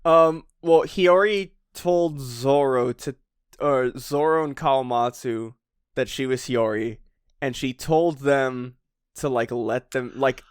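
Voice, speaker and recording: An excitable man riffing in casual podcast chat, swearing and laughing as he goes. His voice sits at an ordinary middle pitch. The recording is dry and close. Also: slow pace, clean tone, no echo. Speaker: podcast co-host.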